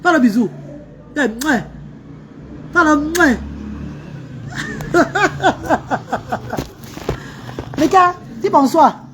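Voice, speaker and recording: Animated woman chatting on a live stream. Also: sits high, slow, pauses often, slight background noise. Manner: animated, coaxing a child between remarks to viewers. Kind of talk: casual live-stream chat with viewers.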